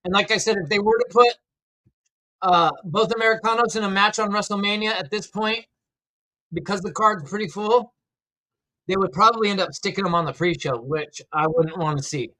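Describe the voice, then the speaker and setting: A man's voice: sits high, moderate pace, bright, forceful tone, rough recording. A man hosting a casual livestream, giving wrestling commentary and opinions while talking back to his viewers in a conversational way. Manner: opinionated, conversational, reads out and answers chat comments. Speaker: livestream host reacting to wrestling. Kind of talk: casual live-stream commentary, chatting with viewers.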